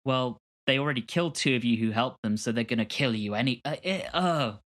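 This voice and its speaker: Podcast co-host, male, mid-pitch, animated and chatty. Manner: animated ranting, quick laughs. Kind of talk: casual chat.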